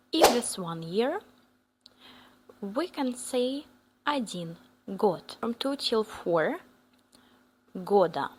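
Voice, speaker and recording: Speaking with a Russian accent, a woman runs a beginner language lesson, saying each phrase slowly so learners can repeat it. Her voice is medium-pitched, a little bright, and edged with breathiness.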